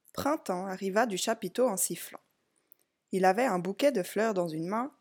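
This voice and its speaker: A woman reading a picture book aloud to children, slow and clear, speaking directly to the young listener. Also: mid-range voice, darkish tone. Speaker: storybook reader. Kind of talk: read-aloud story for children.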